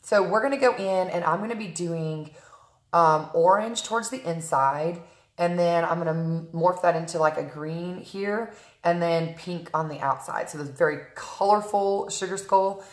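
A woman with a low, dark voice talks viewers through her makeup live from home, filling her pauses with "um" and calling out to viewers by name. Her voice comes through a tablet camera in an echoey room. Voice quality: chatty, frequent "um" fillers, greets viewers by name mid-sentence. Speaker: makeup artist livestreaming a tutorial. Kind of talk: casual live makeup tutorial, chatting with viewers. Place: at home in a room, early morning. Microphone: tablet camera on a stand. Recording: roomy echo.

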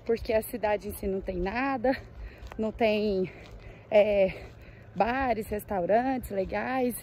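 A woman's voice: slow, a little mellow, slight background noise, rough recording. A woman talking casually as a travel vlogger outdoors at a beach resort, speaking into a handheld camera and often chatting to her dog. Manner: chatty, talks to her dog in a high sweet voice. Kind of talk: casual travel vlog narration.

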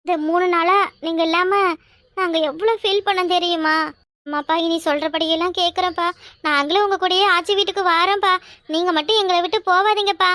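A small cartoon child, voiced by a woman pleads in a whiny voice. The pitch is very high and the pace is fast, with a dry, close sound. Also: fairly even intonation, fairly bright tone, no echo. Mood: pleading. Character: small child begging its father to stay.

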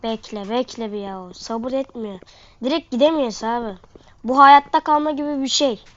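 Woman, stuffed-up sniffly nose, high voice, casual gaming commentary, dull lo-fi microphone. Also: normal speed. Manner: slangy, talking to viewers while playing. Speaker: gaming video host.

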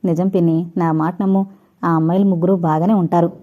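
Calm firm elder brother played by a woman reader, mellow tone, muffled lo-fi sound. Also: on the low side, quick pace, lightly acted. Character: sensible, stern young man, elder brother.

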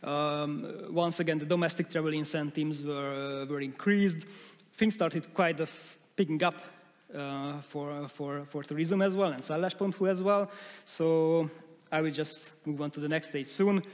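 Man presenting on a big stage. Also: a little high. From Hungary. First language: Hungarian. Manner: restarts often, searching for words. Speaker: conference speaker. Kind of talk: conference presentation. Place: large dark conference stage. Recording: long hall reverb.

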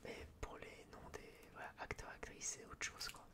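A video creator goes over the films they bought, whispering breathily with no voicing and a French accent. The relaxation vlog has a loose, hesitant, rambling feel, and they often poke fun at themselves.

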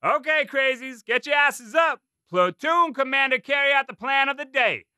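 A man voicing a gruff, stocky male Marine drill sergeant with a Brooklyn accent who barks profane, sarcastic orders. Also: very high voice, normal speed, bright, forceful tone, no echo, pitched above the performer's own voice, full character voice. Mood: bellowing, sarcastic.

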